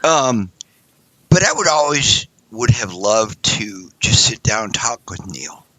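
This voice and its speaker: A man's voice: fairly low pitch, sing-song, slow, sharp tone, dry recording. A man co-hosting a casual podcast, talking in long rambling sentences full of hedges. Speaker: podcast co-host.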